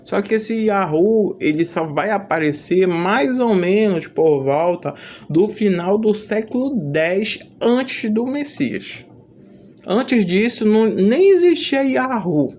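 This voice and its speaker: A teacher giving an explanatory lesson, deliberate and insistent, pushing hard on key words. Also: mid-range voice, expressive, a little mellow. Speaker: Hebrew teacher.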